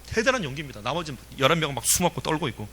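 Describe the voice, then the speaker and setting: A male pastor preaches with a bright, forceful voice that swings between loud emphasis and soft asides. He asks his listeners questions and chuckles now and then. Faint hiss runs under the recording. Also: fairly high pitch, very animated, racing. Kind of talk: sermon.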